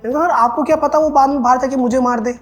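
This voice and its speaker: A young man, a student, telling a personal story in an interview; he talks haltingly with restarts and acts out the dialogue he quotes. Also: very high-pitched, fairly even intonation, faint music behind. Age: young adult. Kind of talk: recounting his own experience.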